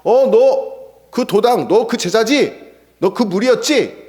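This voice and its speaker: A man's voice: sits high, expressive, takes it slowly, darkish tone, pitched above the performer's own voice. A man voicing a scornful bystander who mocks and accuses a disciple in a sermon retelling. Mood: accusing. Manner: mocking, jeering. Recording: echoey church hall.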